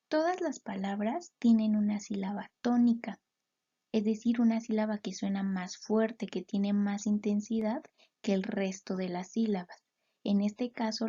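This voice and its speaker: A woman teaching a lesson, explaining step by step and sounding out words slowly, syllable by syllable. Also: mid-range voice, dark tone, dull audio. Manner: slow, clear syllable-by-syllable explanations.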